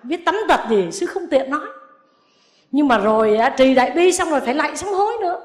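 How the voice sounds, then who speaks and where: A woman, a Buddhist nun, giving a sermon with lively storytelling and acting out the people she quotes. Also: high voice, fairly quick, echoey room.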